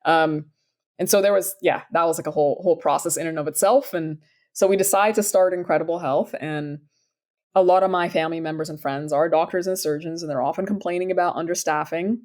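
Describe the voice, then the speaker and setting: In a low, deep, darkish register with a steady tone and fairly quick pace, a Sudanese woman in her thirties gives conversational interview answers about her career. A startup founder on as a guest, she's upbeat and enthusiastic, chatty, with plenty of ums, restarts, and other fillers.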